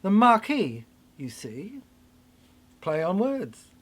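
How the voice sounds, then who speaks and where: An older speaker's medium-pitched, slightly bright voice swings widely in pitch during a rambling, cryptic monologue. The words arrive in halting fragments, and phrases get repeated for emphasis.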